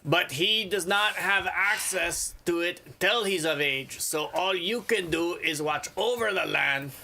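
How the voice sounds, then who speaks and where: A man's voice: high voice, unhurried, gravelly, sharp tone. A man playing a tabletop game, arguing his point insistently. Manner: argumentative, insistent. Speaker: player. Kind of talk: casual tabletop play.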